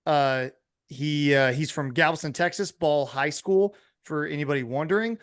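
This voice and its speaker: A man with a smooth, clear voice that sits a little high for a man. He co-hosts a sports podcast and reads out recruiting news in a loose, chatty way. He chimes in quickly and teases the others. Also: fairly bright tone. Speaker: podcast co-host. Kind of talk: casual sports chat.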